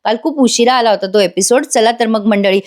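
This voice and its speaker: A woman's voice: a little high, a little fast. A woman narrating a voice-over recap of a TV serial, chatting directly with viewers. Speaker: TV serial reviewer.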